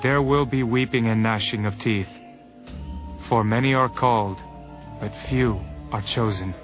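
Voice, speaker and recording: An actor playing Jesus in a scripture audio drama, a teacher speaking parables with solemn, measured authority. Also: male voice, mid-range voice, lightly acted. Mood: measured storytelling. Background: music.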